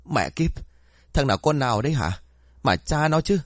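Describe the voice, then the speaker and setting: A man voicing a coarse, jealous middle-aged village aunt who yells curses. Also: mid-range voice, expressive, a little fast, no echo, clean studio sound, lightly acted. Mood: cursing in pain. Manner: foul-mouthed, yelling curses.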